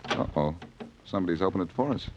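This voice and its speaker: A man's voice: low voice, animated, background noise. An actor playing a confident, wisecracking male private detective in a 1940s radio play, with an old radio show sound. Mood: wry. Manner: brisk, wry and self-assured. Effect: old radio show broadcast sound. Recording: dull lo-fi vintage radio recording.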